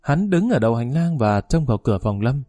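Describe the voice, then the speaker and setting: Guy reading an audio novel, steady and even, dry close sound, faint music underneath. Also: medium pitch, fairly quick, no room sound. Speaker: narrator. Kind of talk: audiobook narration.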